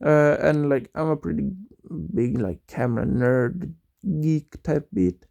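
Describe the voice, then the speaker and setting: A young man with a somewhat high but dark, mellow voice tells a casual, wandering story. His delivery is unhurried and hesitant, packed with fillers and false starts. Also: vocal fry. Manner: rambling, hesitant, full of fillers and restarts. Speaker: vlogger.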